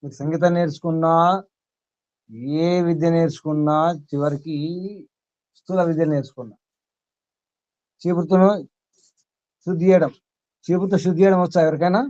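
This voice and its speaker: A man's voice: a little high, fairly even intonation, normal speed, pauses often, warm tone, no echo. Guy leading a spiritual talk, keeps asking the room questions, lists stuff out, kinda muffled dry sound. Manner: questioning listeners, long lists. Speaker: spiritual teacher. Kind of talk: teaching sermon to a small group.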